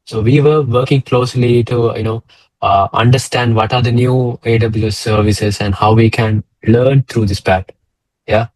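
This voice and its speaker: Co-hosting a casual presentation chat over a video call, a young data engineer from Sri Lanka walks through slides hesitantly, with plenty of fillers and restarts. His mid-range voice is steady and darkish at a moderate pace; the audio is poor but has no echo.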